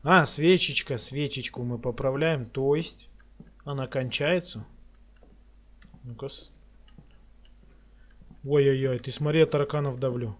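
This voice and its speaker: A man's voice: medium pitch, unhurried, pauses often, fairly bright tone. A man giving casual commentary on a horror game playthrough as a scared, jumpy streamer who mutters and swears as he reacts.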